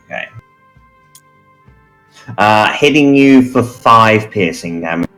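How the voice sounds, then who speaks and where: Slow, low-voiced man running a tabletop game. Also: expressive, fairly bright tone, faint music behind. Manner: measured, pausing often with fillers. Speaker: game master.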